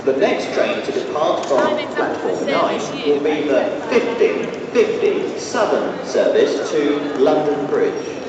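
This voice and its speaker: A man making train station announcements over loudspeakers, listing stops in a measured, sing-song way. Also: a little high, sing-song, muffled recording, a crowd in the background. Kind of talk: automated platform announcements. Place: large railway station concourse. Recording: echoey station hall from far off, loud train noise. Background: trains and station bustle.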